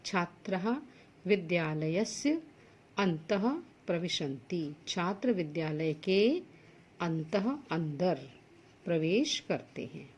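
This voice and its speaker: Slow, husky woman teaching a lesson. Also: on the low side, darkish tone. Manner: reads each Sanskrit word, then explains it plainly in Hindi. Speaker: Sanskrit teacher. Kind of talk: school lesson going through textbook exercises.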